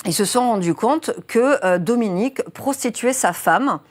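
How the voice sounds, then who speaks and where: This journalist guest, a woman in her twenties, speaks at a moderate pace in a fairly high, animated voice. As she earnestly lays out a criminal case in an interview, she chooses each word with care, though fillers crop up often.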